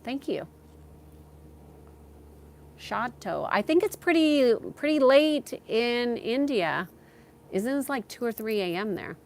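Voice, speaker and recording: A woman whose voice runs on the high side and is expressive chats casually on a livestream as a spiritual guide. She handles viewer questions while haltingly thinking things through out loud.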